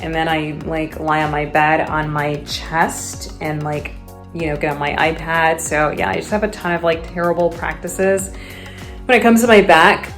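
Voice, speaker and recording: A woman's voice: sits low, steady tone, normal speed, faint music behind. A woman vlogging to a handheld phone camera in a casual, chatty way, laughing often and acting out what people said to her.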